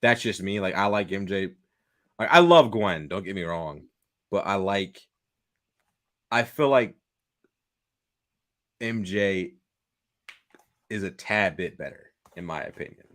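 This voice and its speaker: Lively bright-voiced young man chatting. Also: deep voice, takes it slowly, long pauses. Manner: animated, laughs often, many "like" fillers. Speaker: podcast co-host. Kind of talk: casual chat.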